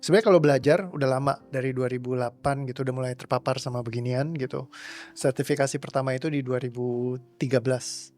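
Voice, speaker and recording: Young man, casual rambling coach talk, mid pitch, faint music underneath. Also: quick pace. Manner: relaxed, rambling, mixes English words into speech. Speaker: trauma release coach. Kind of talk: casual interview answers.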